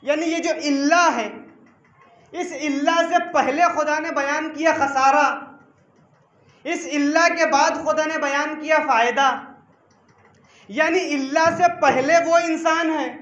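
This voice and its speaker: A man preaching a sermon at a religious gathering, repeating phrases for emphasis, reciting Arabic verses and rising to shouts. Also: very high-pitched. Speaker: cleric preaching at a majlis. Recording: echoey hall, muffled lo-fi sound.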